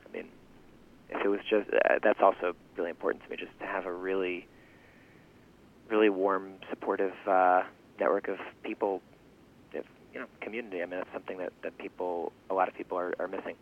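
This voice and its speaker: A man in his twenties giving a casual interview, halting and thinking aloud as he goes, often restarting phrases. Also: deep voice, flat delivery. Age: 20s. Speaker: interview guest, farm founder and language teacher. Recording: thin phone-like radio interview sound.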